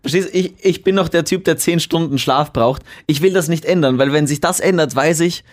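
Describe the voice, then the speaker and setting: Chatty Austrian man, slightly high voice. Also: fairly quick. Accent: Austrian German. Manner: laughs often, chatty and rambling. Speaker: podcast co-host. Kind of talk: casual chat. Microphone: studio mic.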